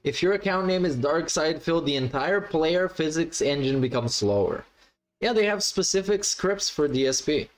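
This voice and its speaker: A man's voice: a little high, expressive, moderate pace. A man giving blunt, mocking, sweary casual commentary as a streamer reacting to gameplay. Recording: noisy livestream with game audio.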